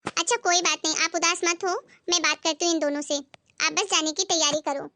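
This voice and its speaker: A woman voicing a caring, outspoken young married daughter who talks in a lively, direct and insistent way, in an amateur family skit. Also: very high-pitched, fairly quick, slight background noise, full character voice.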